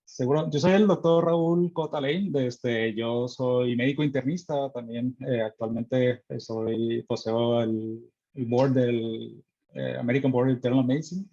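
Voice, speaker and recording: A man with a Mexican accent presents on a video call in a friendly, easygoing way, filling his pauses as he goes. His voice is mellow and warm. The line sounds muffled. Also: mid-range voice. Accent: Mexican Spanish. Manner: friendly, relaxed, uses many fillers. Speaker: internist and guest speaker. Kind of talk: online medical presentation.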